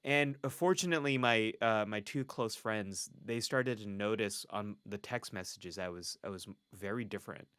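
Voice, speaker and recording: A man's voice: fairly low pitch, normal speed, hardly any pauses, fairly bright tone, smooth. A man, a clinical psychologist, telling a personal story in a candid interview. He speaks earnestly and reflectively, and laughs often between thoughts. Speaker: clinical psychologist, podcast guest.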